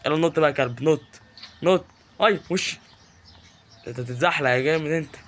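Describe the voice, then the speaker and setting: On the high side and fairly quick, his voice carries a little hiss or hum. He's a gaming YouTuber with an Egyptian Arabic accent, narrating his play live, teasing and excitable, and hollering at characters on screen.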